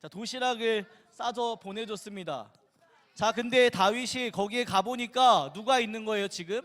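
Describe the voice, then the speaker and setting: A man's voice: sits high, normal speed, a bit bright. A man leading a playful children's sermon in a church, asking the children question after question. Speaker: children's pastor. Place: church sanctuary. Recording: long reverb in a church hall.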